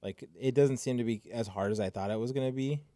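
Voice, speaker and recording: A man's voice: medium pitch, fast talker, mellow, no room sound, clean studio sound. A young man from Phoenix chatting casually on a podcast, laid-back and rambling with lots of fillers, a little tipsy and loopy. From Phoenix, Arizona. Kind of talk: casual chat.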